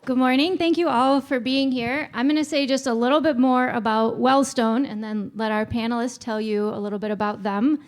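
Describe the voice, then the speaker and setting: A woman's voice: a little high, steady tone, moderate pace, hardly any pauses. A woman moderating a church panel discussion, speaking in a friendly, chatty way with small self-aware asides. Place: church hall. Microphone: handheld microphone.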